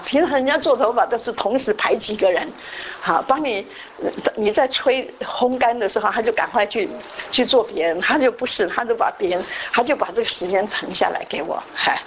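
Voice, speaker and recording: A woman's voice: on the high side, slight background noise, rough recording. A woman giving a sermon, telling a story and often slipping in English words. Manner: frequent "好" fillers and restarts. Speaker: church speaker.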